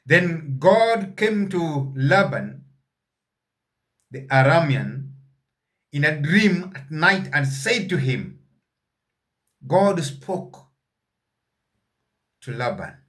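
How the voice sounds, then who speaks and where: A man reading Bible verses aloud and explaining them in a sermon, pausing often with fillers and putting questions to his listeners. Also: a little high, big pitch swings, a bit bright. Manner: halting, with frequent "uh" fillers. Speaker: Bible teacher.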